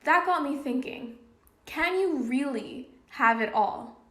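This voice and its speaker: Higher-pitched young woman podcast host. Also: animated, takes it slowly, sharp tone. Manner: brief encouraging backchannels. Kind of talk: interviewing and scripted intro.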